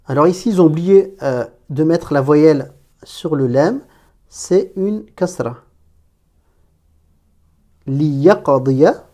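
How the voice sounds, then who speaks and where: A woman teaching an Arabic reading lesson, patiently reading word by word and explaining pronunciation. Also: sits low.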